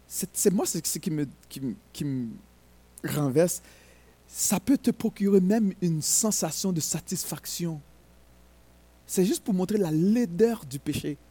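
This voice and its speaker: High-pitched man preaching, gets really fired up, dry close sound. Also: warm tone, slightly rough, no echo. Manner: emphatic, rising to fervent exhortation. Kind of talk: sermon.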